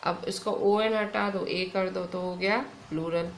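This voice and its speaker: Indian woman teacher, slow and gravelly, echoey room: patient lesson delivery. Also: mid-range voice, fairly even intonation, a little hiss or hum. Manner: slow, patient explaining with frequent "theek hai". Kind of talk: online grammar lesson. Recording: echoey room with faint ambience.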